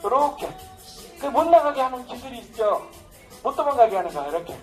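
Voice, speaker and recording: A man's voice: extremely high pitch, big pitch swings, a little fast, soft background music, poor audio. A middle-aged man teaching social dance, talking casually and boastfully with jokes as he demonstrates. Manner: boastful, joking, casual banter. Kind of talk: dance lesson with live commentary.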